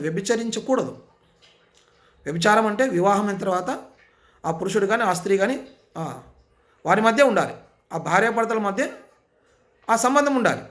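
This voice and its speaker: A man's voice: high voice, a bit bright. A man preaching a sermon with insistent, repetitive rhetorical questions. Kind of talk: impassioned sermon.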